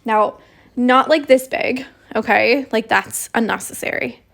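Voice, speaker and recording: A woman's voice: fairly high pitch, unhurried, creaky, fairly bright tone. A woman teaching an embroidery stitch in a casual, chatty livestream, filling her sentences with "like". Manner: chatty, lots of "like" fillers.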